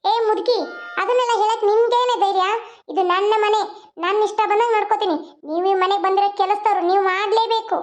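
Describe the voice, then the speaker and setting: A woman's voice: very high voice, fairly even intonation, fast. A woman voicing a scheming, spiteful young woman in a cartoon, with a sneering, taunting manner. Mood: scornful. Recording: dull lo-fi.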